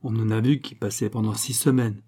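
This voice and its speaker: Man putting on a shrill nagging bourgeois wife. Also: fairly even intonation, dark tone, lightly acted. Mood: scolding. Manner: sarcastic, nagging, quick to scold. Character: shrill scolding middle-aged bourgeois wife. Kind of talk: audiobook character reading.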